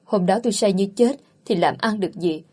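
A woman's voice: medium pitch, fairly quick, a little mellow, husky. A woman narrating a story and reading every character's lines in her own voice.

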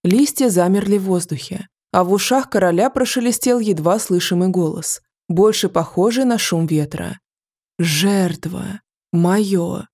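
A woman reading a fantasy audiobook in a measured, even storytelling manner. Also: mid-range voice. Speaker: audiobook narrator. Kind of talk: scripted fantasy narration.

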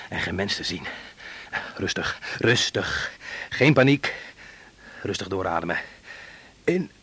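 A man's voice: fairly low pitch, fairly bright tone, breathy edge, full character voice. An actor playing a blustering male police sergeant who turns panicky, in a radio play. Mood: panicked. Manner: mocking and theatrical, then panicky.

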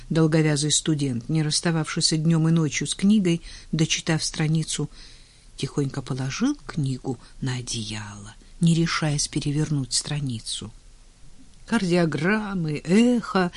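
A slow, measured audiobook narrator who often drops into a near whisper. The pitch sits mid-range, and the sound is dry and close with no room around it. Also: no echo. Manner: measured, often sinking to a hush. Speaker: audiobook reader. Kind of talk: scripted narration.

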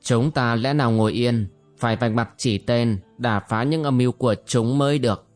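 A man's voice: mid-range voice, normal speed, soft background music, natural voice. A man voicing an angry old monk who mutters through gritted teeth in a storybook reading. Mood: indignant.

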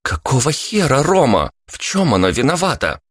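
A man voicing a sharp-tongued young woman who teases and swears freely in a storybook reading. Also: mid-range voice, big pitch swings, moderate pace, no room sound, clean studio sound, pitched above the performer's own voice. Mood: angry. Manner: teasing, brash, swears freely. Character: sharp-tongued young red-haired woman, teasing and brash.

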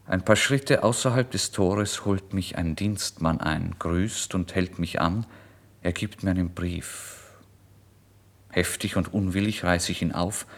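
A man narrates a classic first-person novel with measured drama. His voice sits very low. The reading is steady and literary.

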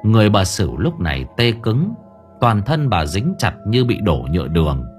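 Expressive, low-voiced male storyteller. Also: moderate pace, soft background music. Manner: expressive, suspenseful. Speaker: audiobook narrator. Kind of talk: dramatic horror story narration.

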